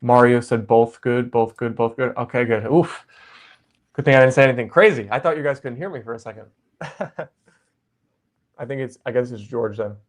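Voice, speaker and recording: A man's voice: mid-range voice, moderate pace. A man hosting a livestream over a video call, chatting casually and filling his talk with "like" and "um". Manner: loose, lots of "like" and "um". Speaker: livestream host.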